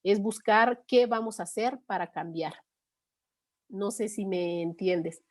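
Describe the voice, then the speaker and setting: A middle-aged woman leads a course session. She speaks at a mid pitch and an even pace, and talks patiently and conversationally. She often pauses to check in with her listeners. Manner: patient, conversational, frequent 'eh' and '¿no?'. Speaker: course instructor. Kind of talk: explaining with everyday examples.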